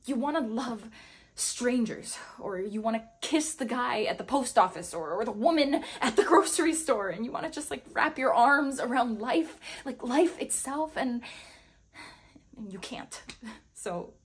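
Husky, melancholy young woman, acted by a woman. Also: fairly high pitch, expressive. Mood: wistful yearning, then giddy longing, then melancholy, unsteady. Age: young adult. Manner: melancholy, halting and wistful, with nervous laughter breaking through. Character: melancholy, lovesick young woman who suffers openly. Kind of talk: dramatic stage monologue performance. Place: small plain room, indoors.

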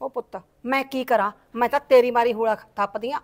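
A woman's voice: steady tone, close to an everyday voice. A middle-aged woman playing a nagging village mother and wife who scolds her husband and frets over her daughter's wedding. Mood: worried. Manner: scolding, rapid and shrill.

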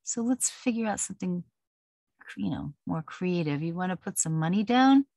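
A woman's voice: fairly low pitch, animated, moderate pace, creaky, warm tone, dry recording, clean studio sound. A middle-aged woman talking casually and rambling, laughing now and then. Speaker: vlogger. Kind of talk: casual personal talk.

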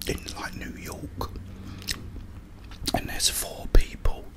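Whispering man eating crunchy fried chicken. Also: slow pace. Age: middle-aged. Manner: hesitant, rambling. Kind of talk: whispered ASMR mukbang ramble. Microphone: close desk microphone with foam windscreen.

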